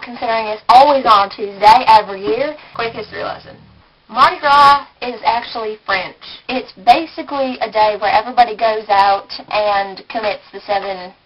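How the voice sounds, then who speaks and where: A woman putting on a slow, folksy Texan drawl as she explains a holiday to her viewers. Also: on the high side, fairly bright tone, dull audio, natural voice. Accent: put-on Texan. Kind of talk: vlog.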